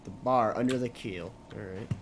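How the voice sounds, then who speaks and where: A man giving casual, sweary gameplay commentary, thinking out loud as he plays. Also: lowish voice, moderate pace, background noise. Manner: musing aloud, sweary. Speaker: game streamer.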